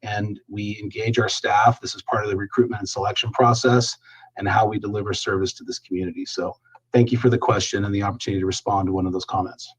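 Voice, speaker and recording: A man serving as police chief answers questions at a public meeting in a measured way with many hesitations, heard over a video call. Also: on the low side, level tone, husky, rough recording.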